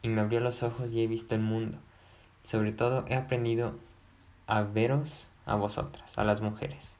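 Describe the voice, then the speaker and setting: A man reading aloud, voicing an agitated, lovesick gentleman who pleads and repeats himself. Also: lowish voice, little pitch movement, moderate pace, lightly acted. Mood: impassioned. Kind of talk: audiobook narration.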